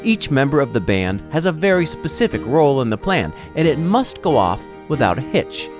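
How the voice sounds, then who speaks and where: Announcer narrating over guitar music. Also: male voice, medium pitch, very animated, moderate pace. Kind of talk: scripted narration.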